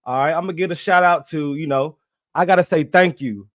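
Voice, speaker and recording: A man's voice: on the high side, fairly quick, no room sound, studio quality. A young man, animatedly hosting a casual livestream and repeating himself as he talks straight to his viewers in slang. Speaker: livestream host.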